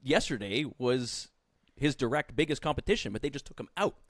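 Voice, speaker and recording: A man's voice: mid-range voice, animated, a little fast, no echo. Podcast co-host who pushes back, mid male voice, dry sound. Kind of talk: casual chat.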